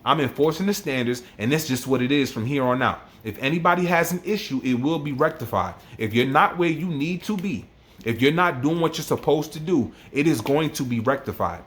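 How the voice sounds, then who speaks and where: A man's voice: on the high side, expressive, fairly quick, a bit bright. A man telling a personal story as a vlogger, emotional and worked up, often repeating himself. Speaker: army NCO vlogger.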